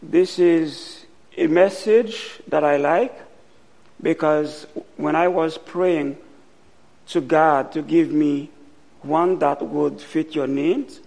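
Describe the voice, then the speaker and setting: Slow, gravelly-voiced man from Haiti preaching. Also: fairly high pitch, darkish tone. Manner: slow and deliberate, pausing often. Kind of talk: sermon.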